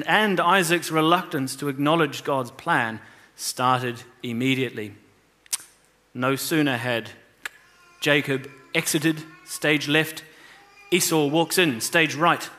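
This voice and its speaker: A man's voice: on the high side, sharp tone. A man teaching children, retelling a scripture story with emphasis and rhetorical questions. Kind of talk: scripture reading and moral lesson.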